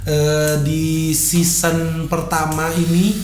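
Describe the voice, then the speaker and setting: Higher-voiced Sundanese-accented male podcast host. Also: flat delivery, slow pace. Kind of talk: casual podcast banter, slangy. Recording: roomy echo, faint background noise.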